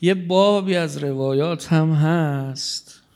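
A male cleric preaches a religious sermon in a conversational, teasing way, his voice on the high side and his loudness rising and falling as he goes.

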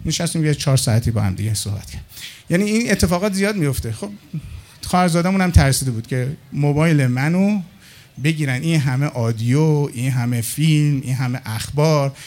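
A middle-aged man telling anecdotes in a casual monologue, acting out the other people's lines as he goes. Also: fairly high pitch. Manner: animated, acts out dialogue with others in his anecdotes. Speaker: storyteller.

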